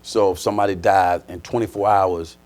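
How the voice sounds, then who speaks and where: A man's voice: sits low, steady tone, a little fast, darkish tone. A man hosting an interview in an informal, playful way, prompting his guest with questions. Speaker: talk show host. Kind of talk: conversational interviewing.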